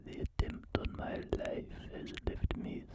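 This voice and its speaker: ASMR gamer doing a scheming old evil emperor, breathy whisper, slow menace, wandering foreign-ish accent. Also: natural voice. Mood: menacing. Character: sinister old male galactic emperor, scheming.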